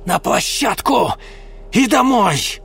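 Ruthless female smuggler boss, played by a man, high voice, sharp barked commands, swinging intonation. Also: animated, unhurried, a little hiss or hum. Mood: furious. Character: harsh female smuggler leader, cold and ruthless.

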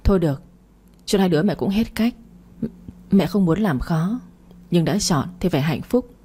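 A woman's voice: fairly low pitch, expressive, normal speed, mellow, slight background noise, close to an everyday voice. A woman voicing a stern older mother who scolds her grown son. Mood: scolding. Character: stern older mother, disapproving then resigned.

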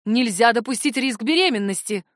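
A woman's voice: fairly high pitch, lively intonation, normal speed, no echo, clean studio sound, natural voice. Woman reading as a stern, scolding mother. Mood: commanding. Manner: sharp, commanding scolding. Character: stern, fearful middle-aged mother.

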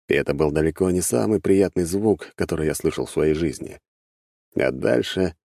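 A man narrating a first-person fantasy audiobook in a measured, wry manner. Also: sits low, warm tone, no echo. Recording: dry close studio sound.

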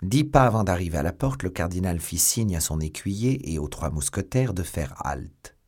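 Low-ish male voice reading an old novel, really animated pitch, dramatic storytelling. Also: moderate pace, breathy edge. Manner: expressive storytelling, dramatic swells. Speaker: audiobook narrator. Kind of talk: scripted novel narration.

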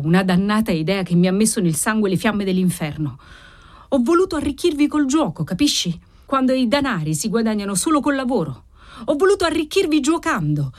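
A woman's voice: on the high side, a little mellow, voice pushed up. A woman reading a novel aloud, voicing an anxious husband who pleads and blames himself in a broken voice. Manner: pleading, breaking, self-reproaching. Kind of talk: audiobook character reading.

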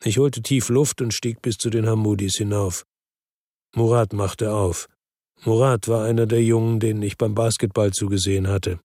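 An actor, serving as narrator and lead, plays a world-weary, brooding male investigator in Marseille noir, narrating a first-person noir radio drama in a terse, pensive way. His voice is on the low side, steady, dark and close to everyday, at moderate pace. The dry studio recording has music underneath, the mood brooding and weary.

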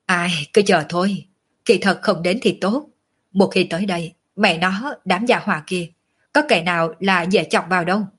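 Woman doing a bored male guard, grumbling, coarse, husky, storybook reading. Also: on the low side, normal speed.

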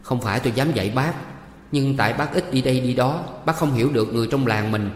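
A man's voice: mid-range voice, fast, lightly acted. A man voicing a young village woman, a hurt but defiant niece, speaking defensively. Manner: pleading, defensive. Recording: echoey room with long reverb.

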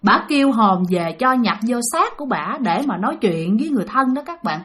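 A woman's voice: on the high side, big pitch swings, fairly quick, fairly bright tone. A woman with a Southern Vietnamese accent telling a spooky story, chatty and talking straight to her listeners. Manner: chatty, addresses listeners directly.

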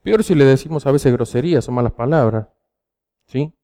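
Speaking at a moderate pace with an animated, medium-pitched, dark voice, a youth preacher from Argentina gives a sermon to teens. His Rioplatense Spanish accent carries stories punctuated by frequent rhetorical "¿sí?" checks.

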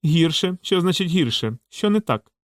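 A man voicing a shrewd old woman shopkeeper who scolds loudly and dotes on the boys. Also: fairly high pitch, animated, normal speed, dry recording, clean studio sound, pitched above the performer's own voice, close to an everyday voice. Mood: worried. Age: older. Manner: scolding, loud and doting by turns.

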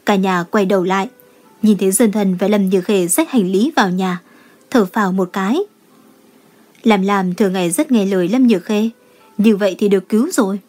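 A woman reading a romance novel aloud as an audiobook narrator, telling the story in a steady manner. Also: mid-range voice. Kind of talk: scripted narration.

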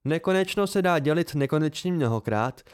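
A man's voice: fairly high pitch, expressive, clear, resonant tone, voice pushed up, close to an everyday voice. Man voicing a pedantic male student, lecturing, step-by-step, storybook.

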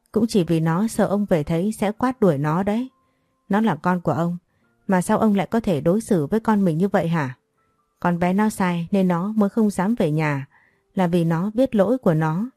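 A woman's voice: on the low side, dark tone, no echo, clean studio sound, natural voice. A woman reading the lines of an ailing older mother in a storybook narration, pleading and scolding.

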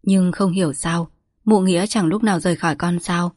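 Female storybook narrator, steady and even, dry close recording. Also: fairly low pitch, a little fast, dry recording.

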